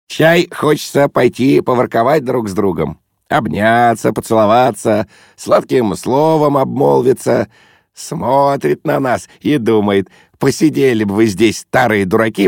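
A man voicing a brash, overfamiliar man who teases and shouts in bursts, in an audiobook reading. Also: mid-range voice, creaky, no echo, clean studio sound. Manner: boisterous, teasing, shouty bursts. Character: brash overfamiliar loud man, mocking, pushy.

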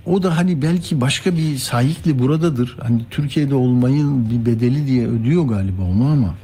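Husky, mellow-voiced male news host. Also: mid-range voice, a little fast. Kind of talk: informal news commentary.

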